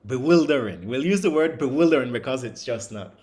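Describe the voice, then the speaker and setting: A man's voice: medium pitch, expressive, fairly quick, a little mellow. A man teaching a group scripture class who laughs often and keeps putting questions to the room.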